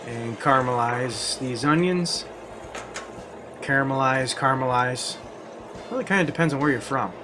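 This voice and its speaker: A man's voice: medium pitch, noisy background. Wry man demonstrating a recipe. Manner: wry, self-deprecating humor. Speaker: cooking video host. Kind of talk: cooking demonstration with jokey asides.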